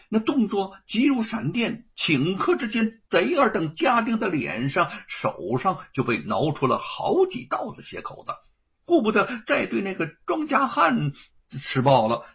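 Husky, animated male storyteller. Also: high-pitched. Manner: animated, acting out scenes. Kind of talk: dramatic storytelling. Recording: dull lo-fi recording.

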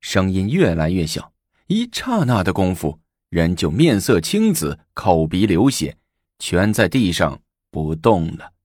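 A man narrating a storybook tale, dramatic and slowing down for effect. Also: sits low, very animated, a little mellow, slightly rough, dry recording, studio quality.

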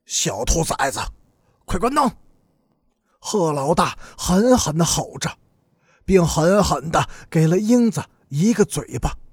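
A man narrating a serialized audiobook story in a slow, deliberate, dramatic manner. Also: high voice, a little mellow, breathy edge, no room sound, clean studio sound.

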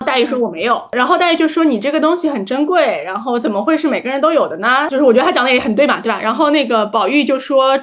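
A woman podcast host chatting casually about books, thinking aloud with frequent restarts. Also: high-pitched. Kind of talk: casual book chat.

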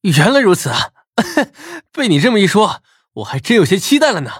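Guy putting on a high eager young dude, sly, bouncy pitch, husky edge, audiobook. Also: sing-song, fairly quick, no echo, studio quality, full character voice. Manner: bright, eager questioning. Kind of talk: audiobook character voice.

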